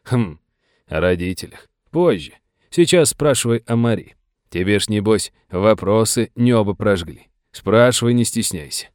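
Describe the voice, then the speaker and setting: A man voicing a gruff older Russian settler with a folksy, blunt, scolding manner. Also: lowish voice, lively intonation, a little slow, a little mellow, no room sound, clean studio sound. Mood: hearty.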